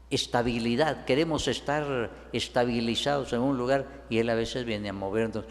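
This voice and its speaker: A man preaching a sermon as a priest, whose voice rises higher and stronger when he quotes biblical figures. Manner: preaches with rising pitch and force when quoting biblical figures. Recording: long reverb in a large hall.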